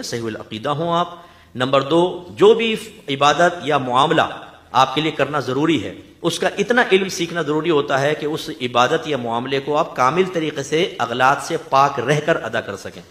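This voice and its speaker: A man from Pakistan giving an animated religious lecture, full of rhetorical questions and teasing asides. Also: on the high side, moderate pace, roomy sound. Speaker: Islamic scholar giving a talk.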